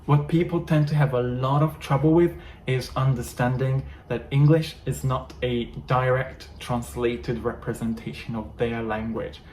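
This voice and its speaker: An echoey room with faint background noise frames this talking-head teaching video, where a native Hungarian speaker with a Hungarian accent explains English learning to viewers. His earnest coaching comes in an unhurried, steady, mid-range voice with a darkish tone.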